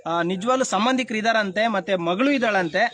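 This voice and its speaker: A man's voice: high-pitched, brisk, a bit bright. A man who runs a shelter, making an earnest, pleading live appeal outdoors at a village temple. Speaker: social worker running a shelter.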